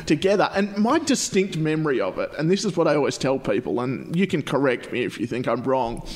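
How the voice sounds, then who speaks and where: A man's voice: on the high side, animated, a little fast. A man in his late twenties hosts a casual, chatty podcast in a jokey, self-deprecating way, recorded in a big living room that sounds like a cave. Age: late 20s. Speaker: podcast host. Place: large living room, indoors.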